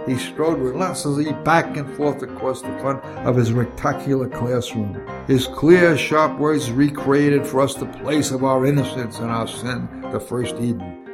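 An older man reads his memoir aloud at an even, middling pitch, measured and reflective. Faint music plays softly behind his voice. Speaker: narrator of his own memoir. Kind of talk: scripted memoir narration.

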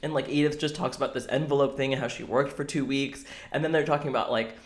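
A young man co-hosting a podcast, chatting casually and ranting with animated, exasperated energy and frequent swearing. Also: medium pitch, quick pace. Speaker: podcast co-host. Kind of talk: casual chat.

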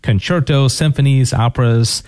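Mellow male radio host, dry sound. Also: medium pitch, normal speed, clear, resonant tone, dry recording. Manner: relaxed, reads the bio aloud with fillers. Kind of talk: radio interview.

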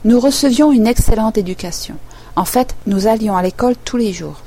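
A woman's voice: a little high, brisk, dark tone, voice pushed up. Woman doing mournful mock turtle, sighing, touchy, storybook. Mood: wistful. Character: sorrowful sobbing female mock turtle.

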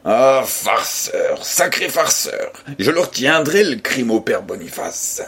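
A man reading the part of a jovial, mocking male gendarme sergeant who teases in husky, bantering tones. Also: mid-range voice, big pitch swings, slow pace, a bit bright, exaggerated voice. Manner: teasing, guffawing banter.

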